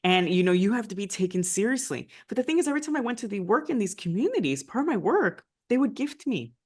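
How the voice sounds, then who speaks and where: A former diplomat of Nicaraguan heritage, from the United States, shares her story in a conversational interview with lots of "right?" tags. Her medium-pitched voice is very animated and slightly rough, and she talks at a quick pace.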